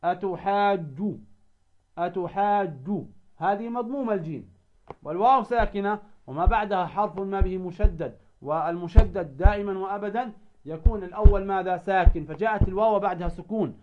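Tajweed teacher, man, high voice, dull lo-fi recording, keeps asking "what?" and answering it himself. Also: a little fast. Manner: asks "what?" and answers it himself, drawing out quoted verses. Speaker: Quran recitation rules teacher. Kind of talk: explaining a recited poem line by line. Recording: dull lo-fi sound.

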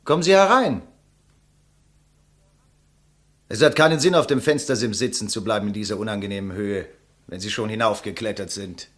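Performing in a measured, eloquent 1950s German radio play style, a male actor with a medium-pitched voice gives a lightly acted portrayal of a condemned writer who is composed and bitterly ironic. He sounds calm yet insistent.

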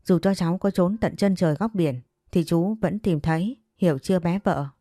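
A woman's voice: fairly low pitch, normal speed, mellow, no echo, studio quality, faint music behind, close to an everyday voice. A woman voicing an older man who dotes on and bosses his young lover in a spoken story. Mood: possessive. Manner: tender, coaxing, bossy.

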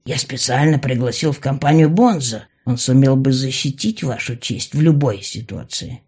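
A woman's voice: rumbling low, normal speed, a little mellow, slightly rough. A woman voicing a sly, mocking young male mage who drawls and teases. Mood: drawling. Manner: drawling, teasing.

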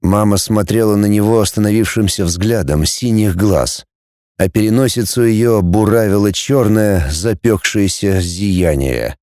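Expressive male audiobook narrator, dark voice. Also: fairly low pitch, measured pace, dry recording, studio quality. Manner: expressive storytelling. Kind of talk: scripted narration.

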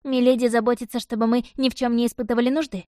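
A woman's voice: fairly high pitch, little pitch movement, warm tone, dry recording, studio quality, voice pushed up, natural voice. A woman voicing a cheerful young messenger lad. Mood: eager. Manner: deferential, brisk and willing. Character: young eager male messenger, polite and cheerful.

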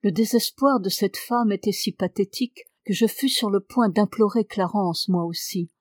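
A woman reading a novel aloud in measured, steady narration. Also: mid-range voice, no room sound. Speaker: audiobook reader.

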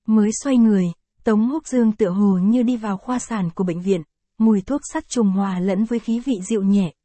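A woman narrating an audio novel in a steady, even storytelling manner. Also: medium pitch, fairly quick, no echo.

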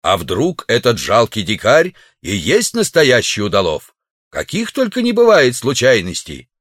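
A tall, elegant, persuasive man, as a male reader plays him reasons in measured, lively tones. The voice is close and dry. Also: mid-range voice, no echo, exaggerated voice.

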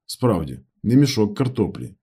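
A man reading a novel aloud in calm, measured first-person narration. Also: fairly low pitch, vocal fry, husky. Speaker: audiobook narrator.

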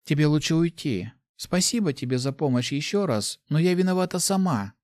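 A man voicing a timid, apologetic young girl, speaking softly. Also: fairly high pitch, lively intonation, moderate pace, no echo, studio quality, voice pushed up, lightly acted. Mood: meek. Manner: soft, timid.

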